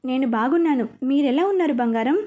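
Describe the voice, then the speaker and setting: A woman's voice: sits high, brisk, phone-quality sound, lightly acted. A woman voicing a doting middle-aged father who speaks tenderly to his daughter in a storybook reading.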